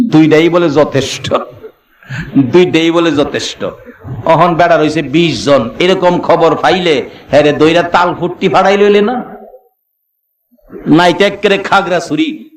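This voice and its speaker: A man preaching a Bangla waz sermon, telling stories and rising to chanted shouts. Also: fairly high pitch, reverberant, distant mic, low-quality recording.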